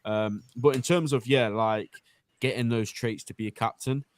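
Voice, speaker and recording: A man's voice: mid-range voice, normal speed. A man, hosting an enthusiastic casual football podcast chat. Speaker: podcast host.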